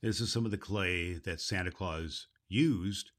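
A man playing a jolly, grandfatherly old Santa Claus, hosting and telling stories to children with hearty, drawn-out emphasis. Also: low-pitched, a bit bright. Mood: storytelling. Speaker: host of a children's Christmas story show. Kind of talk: hearty in-character greeting and storytelling for children.

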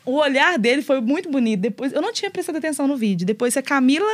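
A young woman on a podcast tells her story at a quick clip in a fairly high voice. She is lively and animated, slipping into the voices of the people she quotes. It sounds like casual, easygoing conversation. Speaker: guest, mother sharing her story.

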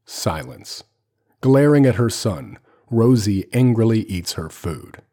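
A man hosting a screenplay read-through, reading stage directions in a measured, expressive way. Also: on the low side.

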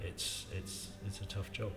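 A man, reminiscing casually in a rambling, halting way and repeating his phrases. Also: over music. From Wiltshire, England. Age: 60s. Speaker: interview guest in local politics. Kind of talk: casual life-story reminiscing. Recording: roomy reverberant space, faint background noise.

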